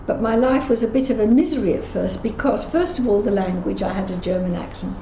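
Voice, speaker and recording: An Englishwoman in her eighties, a Holocaust survivor, gives unscripted testimony in an interview, recalling memories conversationally, correcting herself and acting out dialogue. Her voice is medium-pitched, brisk and dark in tone. The recording has a roomy echo and clearly audible background noise.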